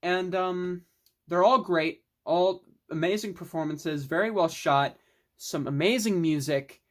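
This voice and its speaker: A young adult film collector talks through favorite movies in a loose, unscripted way. The delivery is enthusiastic and rambling, with mild swearing. The pitch sits at an ordinary middle level. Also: a little slow. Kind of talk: casual film review monologue.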